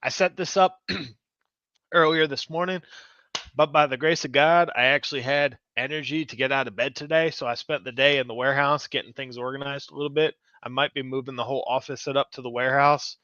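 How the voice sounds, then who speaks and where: A man's voice: medium pitch, fairly even intonation, fairly quick, sharp tone, dry recording, dull audio. A man hosting a live stream, reacting to a clip in a casual, blunt, profane way. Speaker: live stream commentary host.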